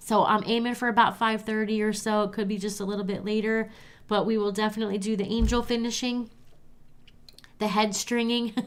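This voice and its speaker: A woman's voice: medium pitch, clear, resonant tone. Stuffy-nosed woman hosting a live stream. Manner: chatty, talks straight to viewers as "you guys". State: stuffy, nasal voice. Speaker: host of a live crafting stream. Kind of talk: live-stream chat, reading viewer comments.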